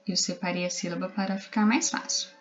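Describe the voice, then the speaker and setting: A primary school teacher with a Brazilian Portuguese accent gives a recorded literacy lesson to young children, patiently spelling out letters and syllables. Her voice is lowish and fairly even in intonation, and she speaks a little fast.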